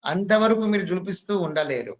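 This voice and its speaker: A wise talking parrot gives a king calm, earnest advice, as a man puts it on while telling a story. The voice sits a little high for a man and keeps an unhurried, reasoning tone. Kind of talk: storytelling discourse.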